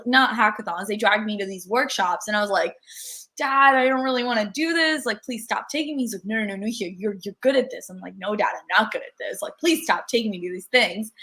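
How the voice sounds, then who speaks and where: A woman's voice: a little high, sharp tone. A young woman from India whose first language is Telugu, hosting a livestream workshop in a chatty, upbeat way and reading the chat aloud.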